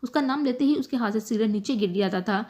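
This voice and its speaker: Woman narrating a novel, slightly high voice. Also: mellow. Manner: emotive, measured storytelling. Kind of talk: scripted novel reading.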